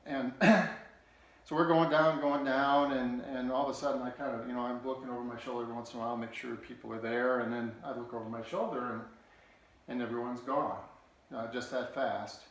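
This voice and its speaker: A man telling a personal childhood story in a halting, earnest way, often restarting his sentences. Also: mid-range voice, steady tone. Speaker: political candidate. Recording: very echoey room.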